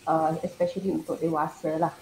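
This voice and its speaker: Woman, thirties, soft mellow tone, informal giggly chat, roomy noisy laptop recording. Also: sits low, flat delivery, brisk. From Malaysia. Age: 30s. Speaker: panel guest, language academy founder. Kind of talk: casual online panel chat. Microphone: laptop on an online call. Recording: echoey room with background noise.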